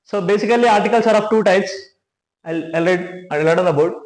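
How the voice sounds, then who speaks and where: A man's voice: high voice, fairly quick, slight background noise. A man teaching grammar, explaining step by step with many restarts and frequent checks of "right?". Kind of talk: classroom grammar lesson. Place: classroom with a board. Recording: echoey room.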